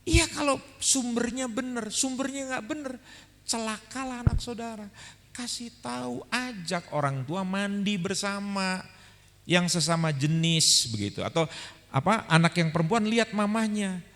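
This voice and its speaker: A male pastor giving a humorous sermon at a seminar, telling animated stories and speaking straight to the audience in a large hall. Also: high-pitched, unhurried. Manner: animated storyteller, addresses audience directly. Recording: echoey hall with faint music.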